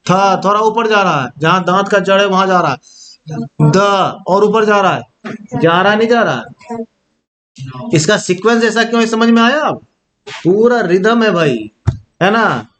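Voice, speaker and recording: A man's voice: high-pitched, lively intonation, moderate pace, long pauses, a bit bright. A young man teaching a Hindi grammar lesson. He pronounces each sound aloud to demonstrate it and keeps checking whether his students follow. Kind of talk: classroom-style grammar lesson.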